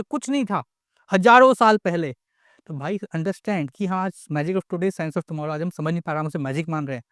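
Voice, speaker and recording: A man's voice: sits high, no room sound, clean studio sound. A young Indian man giving a casual astrology lecture, mixing English into his speech and asking rhetorical questions. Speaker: astrology teacher.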